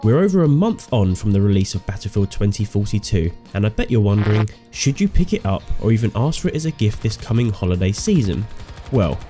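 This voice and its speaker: Sick and slightly nasal, a man with a low, mellow voice reads out a scripted game review as host. His take is sardonic and strongly opinionated.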